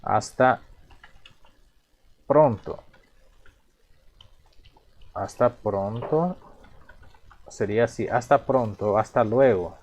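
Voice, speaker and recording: A man teaching a language lesson, explaining slowly, repeating each term and asking himself questions before answering. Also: medium pitch, darkish tone. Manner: repeats terms patiently, asks himself rhetorical questions.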